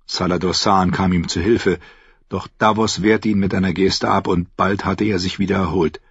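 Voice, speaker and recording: A man narrating a fantasy audiobook in a measured, even reading. His voice is slightly husky. The recording is dry and a little dull. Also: low-pitched, no room sound.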